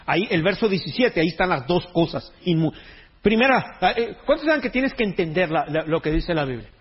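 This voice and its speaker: A pastor preaches with a casual, joking tone and street slang. His voice sits high and sounds husky. The recording is dull and lo-fi. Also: very animated, a little fast. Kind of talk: sermon.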